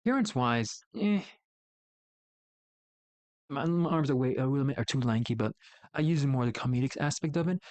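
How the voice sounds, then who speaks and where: A man with a mid-pitched voice talks through his opinions as a casual streamer. He rambles, doubles back and corrects himself as he thinks aloud. The sound is close and dry. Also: animated, a little fast, long pauses, darkish tone, dry recording. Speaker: VTuber streamer.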